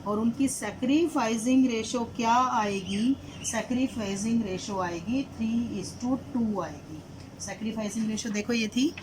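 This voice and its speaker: A woman's voice: fairly high pitch, a little hiss or hum, poor audio. A woman teaching accounting. She explains a solved problem step by step, often asks her students questions and mixes English terms into her Hindi. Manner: asks students questions and repeats "did you understand?".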